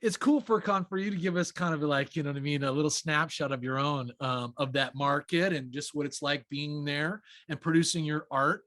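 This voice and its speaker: A man's voice: a little high, a little fast, few pauses, fairly bright tone, no room sound, studio quality. A man hosting an online interview, upbeat and chummy with his guest. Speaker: interview host.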